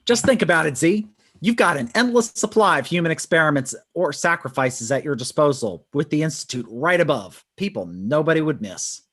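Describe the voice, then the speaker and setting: A man reading as an animated, suspicious ghost hunter. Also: fairly high pitch, fairly quick. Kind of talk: live script reading.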